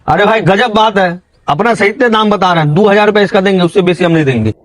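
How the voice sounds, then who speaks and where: A man's voice: high-pitched, fast talker. A man with a Bihari accent, playing a pushy goat buyer in a village comedy sketch who haggles and insists. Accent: Bihari Hindi. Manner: pushy, haggling, calling out in a singsong hawker cry.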